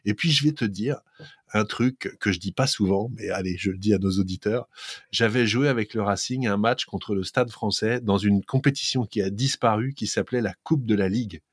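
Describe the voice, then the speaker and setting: Guy with a lowish voice rambling through an old rugby story, dry sound. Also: normal speed, husky, dry recording. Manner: rambling, laughs at himself. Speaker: co-host, former rugby player. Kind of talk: casual storytelling.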